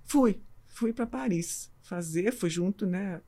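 A woman's voice: medium pitch, takes it slowly, dark tone. A middle-aged Brazilian woman, a doctor and runner, chatting as an interview guest and telling a personal story with quoted dialogue. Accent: Brazilian Portuguese. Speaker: physician guest, amateur runner.

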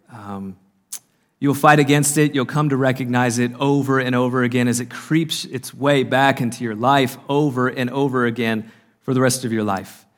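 Earnest male speaker, sermon delivery, mid-pitched, weighted pauses. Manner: earnest, slows down to stress lines. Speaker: conference speaker. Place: conference hall.

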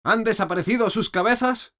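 A man voicing a furious, shrill queen of cards who shrieks orders. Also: fairly quick, pushed and bright. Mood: imperious. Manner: shrieking, imperious commands.

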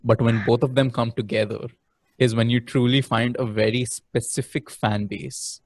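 A young man hosting a casual chat for his channel, relaxed and prone to repeating words. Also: medium pitch, normal speed, dry recording. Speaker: host, YouTuber.

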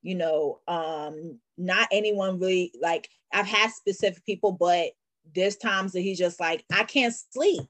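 A woman with a lowish voice shares her faith in a relaxed conversation. She speaks earnestly, in a testifying way, and gets lively when she tells a story. The sound is dry and close. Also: a little slow, no room sound. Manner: earnest, testifying, animated when telling stories. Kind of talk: faith-based casual conversation.

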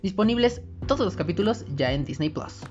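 A woman's voice: mid-range voice, animated, fairly quick, a little mellow. A woman host presenting recommendations in a semi-scripted, chatty and emphatic way, with informal asides. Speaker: host recommending movies and series. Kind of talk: casual scripted review, listing recommendations. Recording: dull lo-fi audio with background music. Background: music.

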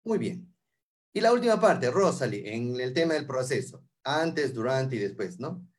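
A man explaining English interview phrases, repeating each one slowly and clearly. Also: mid-range voice, big pitch swings. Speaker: English teacher guest.

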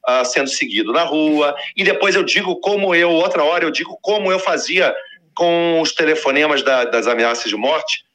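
A man's voice: on the high side, normal speed. A man telling a long personal story in a casual, slangy way, acting out the voices of the people in it. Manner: animated, slangy, acts out quoted voices.

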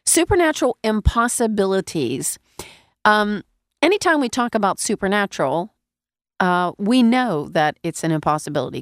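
A woman giving a radio sermon as host, with a gravelly, nasal voice congested from a cold, speaking earnestly and repeating key phrases for emphasis. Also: mid-range voice, no room sound, studio quality. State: congested, getting over a cold. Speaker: radio preacher and show host.

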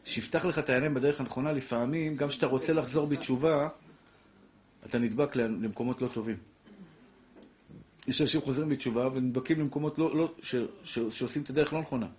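A middle-aged man, a rabbi giving a lively Torah class who preaches through rhetorical questions and calls his listeners fondly. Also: medium pitch. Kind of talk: animated Torah lecture.

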